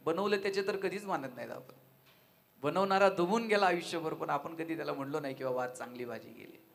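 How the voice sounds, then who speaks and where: High, bright-voiced male devotional speaker. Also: fairly quick, vocal fry. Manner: lively storytelling, asks the audience questions. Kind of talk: devotional talk with humorous anecdotes. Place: live devotional event before an audience.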